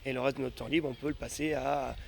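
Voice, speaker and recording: A man's voice: mid-range voice, fairly even intonation, quick pace, creaky, a little hiss or hum. A man in his twenties, a festival volunteer, answering interview questions with hesitant fillers. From France. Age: 20s.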